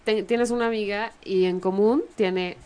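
Give me a measured woman with a mid-range voice on a radio panel. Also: mid-range voice, fairly even intonation, darkish tone, clean tone. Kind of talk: casual radio chat.

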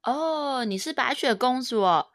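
A mother who teaches French, gently coaxing her young daughter through a casual lesson and slowly repeating each word, mixing in English phrases. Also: sits high, expressive, dry recording, studio quality. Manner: patient, coaxing, repeats words slowly and clearly; switches between Chinese, French and English.

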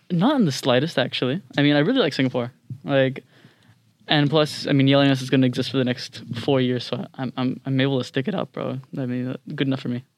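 In a relaxed interview, a young international student, a podcast guest with roots in several countries across Latin America, Asia, Europe and the US, talks informally and pokes some fun at himself. He has a standard American accent, a medium-pitched voice and a fast way of talking, captured in a dry recording.

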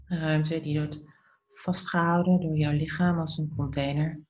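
A woman leading a slow guided meditation in a soft, soothing, unhurried voice that turns breathy at the ends of phrases, with pauses between short phrases. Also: low voice, little pitch movement, dull audio.

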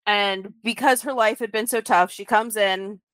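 A woman's voice: mid-range voice, fairly even intonation, moderate pace, fairly bright tone, no echo. A young woman co-hosting a podcast, telling a story in casual chat, with lots of "like" fillers and laughter. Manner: laughing, many "like" fillers, swearing. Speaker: podcast co-host.

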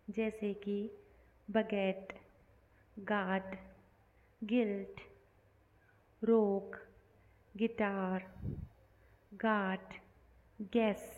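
Woman teacher, very slow word-by-word delivery, tinny echoey phone-quality recording. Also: mid-range voice. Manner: reads words one by one with long pauses. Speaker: English teacher. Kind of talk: slow word-list lesson.

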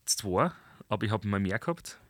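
A young man, a podcast host, chatting casually and acting out stories with lively dialogue. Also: on the low side, normal speed, no echo. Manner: animated storyteller, acts out dialogue. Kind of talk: casual chat.

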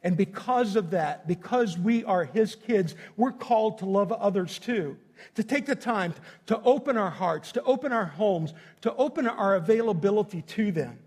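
A male pastor delivers a sermon in a high-pitched voice. He addresses his listeners directly in a folksy, emphatic way, leaning on repeated phrases to drive his point home. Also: animated, normal speed, darkish tone. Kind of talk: sermon to a congregation.

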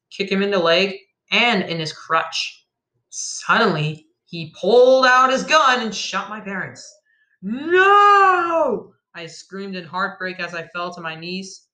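A storyteller narrating a dramatic first-person tale, emphatic and given to loud outbursts. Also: mid-range voice, measured pace. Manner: emphatic, shifts from flat telling to loud outbursts.

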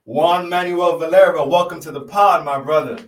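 A man hosting an interview podcast, an affirming, unhurried interviewer. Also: a little high. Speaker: podcast host. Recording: roomy echo from a distant mic.

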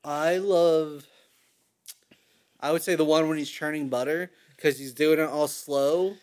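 Casual man with a slightly high voice. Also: fairly even intonation, unhurried, a little mellow. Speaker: podcast co-host. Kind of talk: casual chat.

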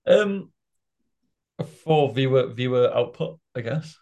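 A man co-hosts a casual podcast in a mellow, warm voice. He stays laid-back, laughs along with his mate and swears through the reminders to subscribe. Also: mid-range voice, expressive, takes it slowly, lo-fi sound. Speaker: podcast co-host.

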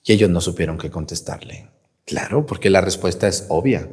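Teasing priest in a reverberant church. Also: male voice, low-pitched, fairly quick, a little mellow. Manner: colloquial, teasing, rhetorical questions to the congregation. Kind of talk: homily at Mass. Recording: long reverb of a large church.

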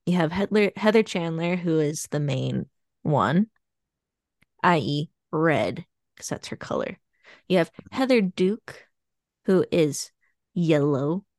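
A woman with a low, lively voice co-hosts a podcast, speaking slowly with long pauses in a slightly mellow tone. She rambles through a plot summary full of fillers and laughs in casual chat. The recording is dry and studio quality.

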